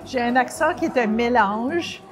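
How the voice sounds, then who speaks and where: A woman's voice: a little high, measured pace, over music. A woman with an accent mixing French, Saskatchewan and English, answering thoughtfully. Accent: mixed French, Saskatchewan and English. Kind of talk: casual interview answer.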